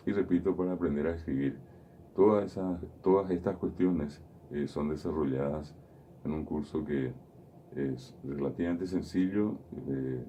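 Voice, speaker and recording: A man's voice: very deep voice, dark tone, muffled recording, a little hiss or hum. A man hosting a radio show, patiently explaining pronunciation and repeating his examples. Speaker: radio host teaching Guaraní. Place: radio studio.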